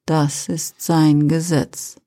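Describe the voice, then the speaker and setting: A woman voicing Lucifer, a calm, seductive male fallen angel, speaking slowly and gently in a whispered role-play. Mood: soft persuasive. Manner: slow, low, gentle, persuasive.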